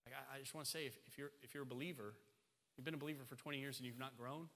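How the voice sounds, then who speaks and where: A man's voice: medium pitch, rapid-fire, fairly bright tone. A man in his forties preaching a sermon as pastor, emphatic and repeating phrases for stress. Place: church sanctuary. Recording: long hall reverb, church sanctuary.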